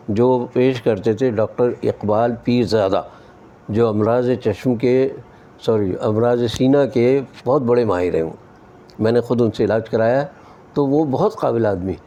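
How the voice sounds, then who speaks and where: An older Pakistani-born humor columnist talks in a relaxed, anecdotal way, slipping into playful imitations of how others mispronounce words. His voice is mellow and dark, sitting at an ordinary male pitch. The delivery is wry and unhurried, like a storyteller at ease. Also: a little hiss or hum. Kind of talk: relaxed anecdotal talk on language.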